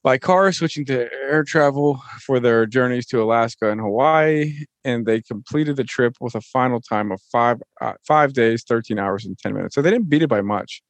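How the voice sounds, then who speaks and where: A man's voice: medium pitch, moderate pace, no echo. A man reading a news item on a casual podcast with friends, with offhand dry humor. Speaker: news segment reader on podcast.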